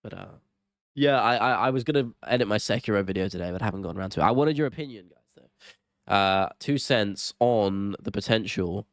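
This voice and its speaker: Nursing a cold, a young man hosts a relaxed MMA live stream in a nasal, gravelly voice pitched fairly low. He chats loosely, reads out viewer comments, apologizes and thinks out loud at a brisk pace. The recording is dry and close, with no sense of a room.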